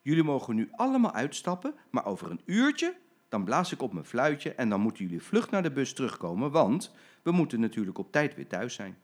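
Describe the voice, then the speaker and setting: Grandpa playing Jim, a jolly teasing bus driver. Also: male voice, medium pitch, wildly swooping pitch, fairly quick. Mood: cheerful. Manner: chuckling, teasing. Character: cheeky bus driver man, playful and jolly.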